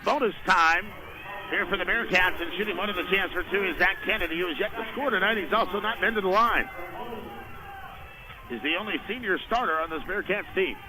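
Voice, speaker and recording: The audio is poor as a man gives brisk live radio commentary on an indoor high school basketball game. His voice sits high, and he tracks the play in short, running descriptions.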